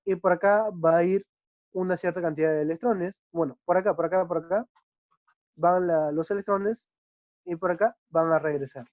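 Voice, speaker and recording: A male chemistry teacher explaining a lesson patiently, often checking understanding with quick tag questions. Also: sits high, fairly even intonation, a little mellow, no echo. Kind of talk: online class explanation. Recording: dull dry lo-fi recording.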